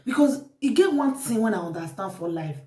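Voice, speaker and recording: A woman's voice: medium pitch, animated, a little fast, mellow. A woman with a Nigerian Pidgin accent giving repetitive, exhorting life advice straight to her viewers. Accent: Nigerian Pidgin English. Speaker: vlogger. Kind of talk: casual advice monologue to viewers. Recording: echoey room, mic at a distance.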